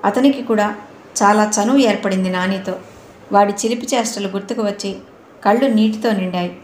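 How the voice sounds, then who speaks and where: A woman narrating an audio novel in a steady, even storytelling manner. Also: medium pitch, fairly quick. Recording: roomy room, faint noise.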